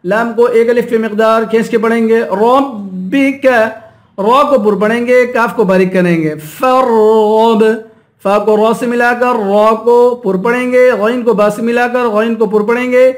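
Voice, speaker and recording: A man teaching recitation, chanting verses slowly and melodically, then explaining each rule quickly in a lower voice. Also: steady tone. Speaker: Quran teacher.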